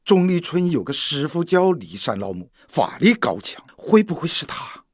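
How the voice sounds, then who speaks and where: An actor playing a flustered, defeated Taoist priest, complaining and defensive. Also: male voice, on the high side, very animated, moderate pace, breathy edge, dry recording, studio quality.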